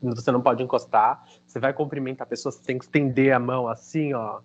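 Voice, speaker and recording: Brazilian man, talk show host, mid-pitched voice, muffled lo-fi sound, animated storytelling. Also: quick pace, a little hiss or hum. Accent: Brazilian Portuguese. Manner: animated storytelling, quoting others. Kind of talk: casual interview chat.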